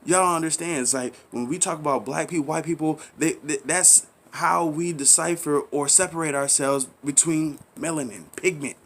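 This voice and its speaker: Speaking at a moderate pace with hardly any pauses, this commentary channel host has a slightly high, somewhat bright voice. His impassioned monologue rambles and preaches, repeating points, pleading with listeners, and leaning on rhetorical questions and casual slang.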